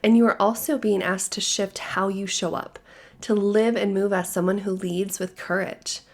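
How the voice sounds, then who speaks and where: A woman podcast host, hoarse while recovering from a cold, calmly sharing a gentle, spiritual guidance monologue. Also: medium pitch. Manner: calm, soothing, measured delivery.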